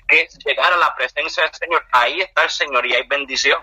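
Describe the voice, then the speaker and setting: A man's voice: on the high side, quick pace, sharp tone, husky, no room sound, low-quality recording. A man speaking in an emphatic, preaching style, repeating phrases for stress in a faith conversation.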